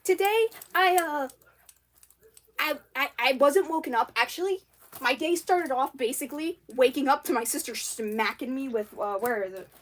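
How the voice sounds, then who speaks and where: A woman rambling casually on a livestream, full of fillers and restarts, excitable and quick to laugh. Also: sits high.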